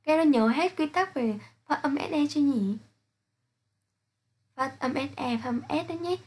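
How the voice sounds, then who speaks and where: A woman teaching an English pronunciation lesson, reading out sounds and example words slowly and carefully to her students. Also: high-pitched, darkish tone. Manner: slow, careful, spelling out sounds one by one.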